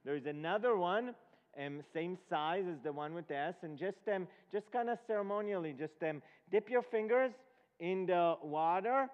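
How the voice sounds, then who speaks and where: Pitched high, expressive, and clear with a resonant tone, an Israeli man serves as guest preacher for a Passover presentation. His teaching to the gathered audience is halting and punctuated by questions checking their understanding; the dull, lo-fi recording carries the echo of a large hall.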